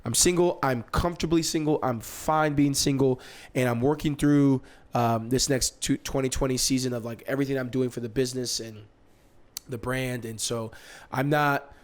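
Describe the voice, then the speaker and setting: Telling a story casually on his podcast, a young host from Nigeria gets animated, performing the quotes himself and breaking into laughter. He speaks at normal speed in a mid-range voice.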